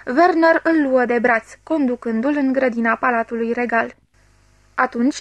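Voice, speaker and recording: A woman narrating a classic novel as an audiobook reader, in a steady, clear storytelling voice. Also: fairly high pitch, dry recording. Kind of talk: scripted narration.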